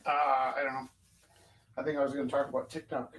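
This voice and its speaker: A man's voice: medium pitch, level tone, fairly quick, a bit bright, low-quality recording. A man co-hosting, chatting casually in a rambling, matter-of-fact way. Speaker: co-host and teacher. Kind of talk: casual chat.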